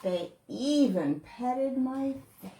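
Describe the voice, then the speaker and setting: Slow, lively woman reading a storybook. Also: sits high. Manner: expressive, playful storytelling. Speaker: children's book author. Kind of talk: reading a children's picture book aloud. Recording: roomy echo.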